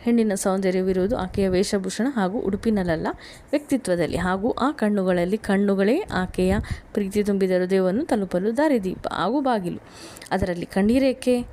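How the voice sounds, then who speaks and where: Woman psychologist talking thru a topic, steady careful reading, trips on a word now and then. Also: medium pitch, slight background noise. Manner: measured, reads carefully, with small restarts. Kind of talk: informative talk.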